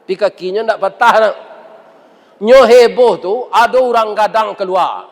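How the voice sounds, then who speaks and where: A man's voice: sits high, normal speed. A man preaching a humorous sermon, telling stories and teasing the audience with questions. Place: large mosque hall. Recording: reverberant mosque hall.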